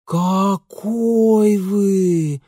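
A man voicing a pair of teasing young society sisters in a sing-song, high voice. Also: wildly swooping pitch, moderate pace, no room sound, studio quality. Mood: teasing, gushing.

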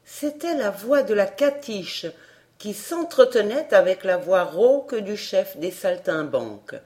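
A woman reading a storybook aloud in an expressive, measured narration. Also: mid-range voice. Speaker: audiobook reader.

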